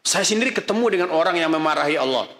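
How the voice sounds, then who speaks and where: A man's voice: on the high side, lively intonation, racing, fairly bright tone. A middle-aged man giving a religious lecture as an Islamic preacher, emphatic and scolding, full of rhetorical questions. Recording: echoey hall reverb.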